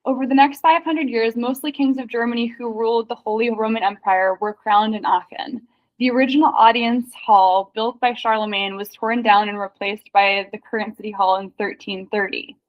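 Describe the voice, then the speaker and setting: Excitable woman reading aloud, lo-fi. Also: fairly high pitch. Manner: excitable, reads passages aloud in quick bursts. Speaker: research partner reading sources aloud. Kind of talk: casual research chat, reading aloud. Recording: dull lo-fi sound.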